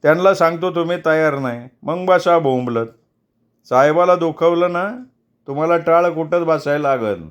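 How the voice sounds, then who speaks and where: A man's voice: fairly high pitch, moderate pace, clean tone, muffled recording, voice pushed up, close to an everyday voice. A man voicing a pushy, greedy middle-aged fixer, bullying and scornful. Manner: bullying, scornful, self-important.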